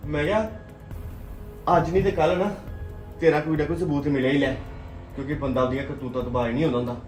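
A man's voice: on the high side, steady tone, quick pace, darkish tone, close to an everyday voice. A man with a Punjabi accent playing a hot-tempered young husband who accuses his wife. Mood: heated. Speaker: angry husband and son. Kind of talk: family drama acting. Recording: roomy echo, faint music.

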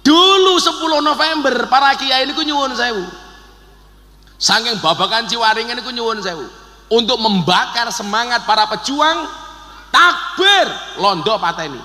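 A man with a Javanese accent preaching a lively, joking sermon, swinging between soft and loud. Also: very high-pitched, moderate pace. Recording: echoey hall.

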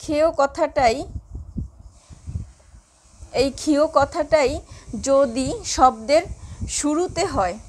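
A woman Bengali teacher giving a pronunciation lesson, speaking slowly and repeating each example for her students. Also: sits high, slight background noise.

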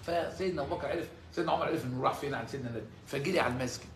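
Egyptian preacher, male, rapid-fire storytelling sermon with emotional peaks, echoey room, faint ambience. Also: medium pitch, slight background noise. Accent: Egyptian Arabic. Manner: animated, rising to emotional peaks when quoting.

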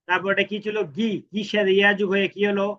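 A man teaching a language lesson, chanting syllables in slow repetition and asking and answering his own questions. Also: sits high, flat delivery, fairly bright tone, lo-fi sound. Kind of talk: recorded alphabet lesson.

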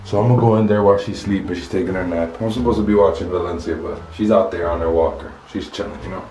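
A man's voice: deep voice, fairly even intonation, fast, warm tone, far from the mic. A young man chatting casually and slangily to a camera held at arm's length at home. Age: young adult. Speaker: prank vlogger. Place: small indoor room at home. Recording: echoey room, faint music behind.

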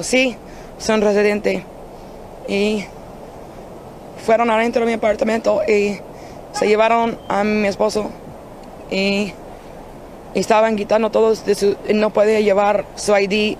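A woman from the United States giving an eyewitness account in an interview, halting and repeating herself as she quotes others. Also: mid-range voice, darkish tone, slight background noise. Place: outdoors in an apartment parking lot.

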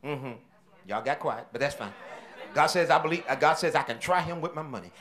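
A man preaching a sermon as senior pastor, with call-and-response shouting bursts and quieter stretches. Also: fairly high pitch, animated, fairly quick. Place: church.

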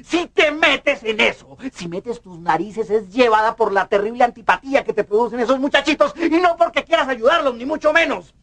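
A fussy, high-voiced scolding father. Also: animated, a little fast, hardly any pauses, a bit bright, heavily acted. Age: middle-aged. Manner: scolding, sarcastic, emphatic. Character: fussy, indignant, controlling middle-aged father. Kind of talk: telenovela acting. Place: furnished bedroom set, indoors.

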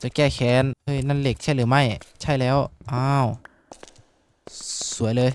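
A young man giving casual, rough-spoken commentary while playing a game, swearing a lot and yelping when startled. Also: medium pitch, flat delivery, normal speed, no echo. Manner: swears freely, shouts in sudden panic. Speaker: gaming streamer. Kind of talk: casual Minecraft let's-play commentary.

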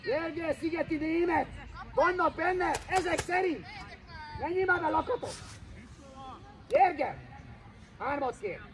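A man coaching a youth football match, shouting urgent, commanding instructions from the sideline and repeating names and orders. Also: extremely high pitch, pauses often, some chatter behind, a little hiss or hum. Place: outdoor football pitch.

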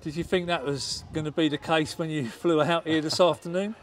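A man's voice: on the high side, fairly even intonation, fairly quick. A man, a club media interviewer asking chatty, informal questions after a match. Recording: noisy outdoor stadium at night.

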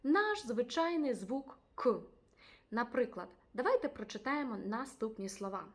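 Lively woman teaching Spanish. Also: on the high side. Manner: speaks slowly and repeats each Spanish word twice; animated, addresses viewers directly. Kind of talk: language lesson.

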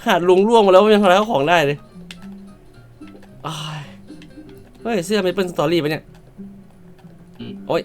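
A woman commentating a shop game, loud and exclamatory, swearing playfully at the game characters and now and then switching to a polite clerk voice. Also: lowish voice, measured pace, pauses often, faint music behind. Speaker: gamer. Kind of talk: let's-play commentary.

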